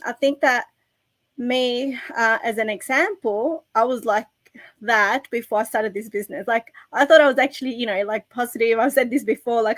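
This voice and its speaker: A woman's voice: fairly high pitch, a bit bright, no echo. A woman from Australia, a business owner in her thirties, talking casually on a panel with many fillers. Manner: chatty, lots of fillers like "you know" and "like".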